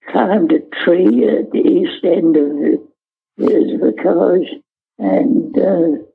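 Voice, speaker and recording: An elderly man, a war veteran, remembering in an interview in a halting, understated, matter-of-fact way with searching pauses. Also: sits high, creaky, breathy edge, phone-quality sound. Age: elderly, 90s. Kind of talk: unscripted interview reminiscence.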